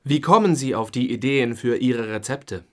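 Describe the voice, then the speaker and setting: A man presenting a segment and asking interview questions in a scripted listening-test recording, in a neutral, even reading. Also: mid-range voice, normal speed.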